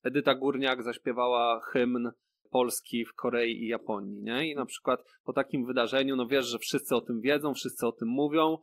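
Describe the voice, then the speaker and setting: A man's voice: medium pitch, fairly even intonation, normal speed, fairly bright tone. Man explaining freestyle rap. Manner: explanatory, many fillers and tag questions. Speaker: podcast guest, rapper and freestyler. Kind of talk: casual interview chat.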